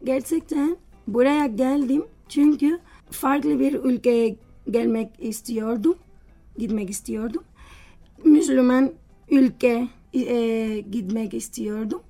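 A woman in her twenties from Spain with a Spanish accent, being interviewed and speaking halting, broken, non-native speech with grammar slips and self-corrections. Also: a little high, mellow, faint music behind. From Spain, Valencia. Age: 20s. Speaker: interview guest. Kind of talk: personal interview.

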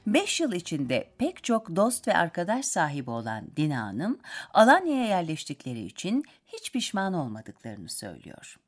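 Very animated woman narrating for radio. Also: lowish voice, moderate pace. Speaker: radio programme presenter.

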